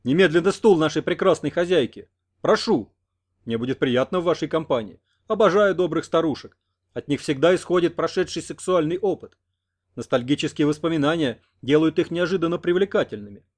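A man's voice: fairly high pitch, animated, fairly quick, voice pushed up. A man reading an audiobook, voicing a brash, pompous American man who talks in effusive, flowery phrases. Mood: gushing.

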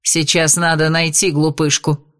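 A woman's voice: low voice, flat delivery, measured pace, fairly bright tone. A woman voicing a sultry, cold-hearted witch who speaks in a languid, purring way. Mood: stern.

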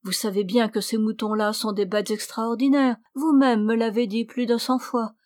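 A woman's voice: fairly high pitch, steady tone, moderate pace, darkish tone, no echo, studio quality, lightly acted. A woman voicing a scheming young maidservant who feigns a plaintive sickness and keeps insisting. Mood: demanding.

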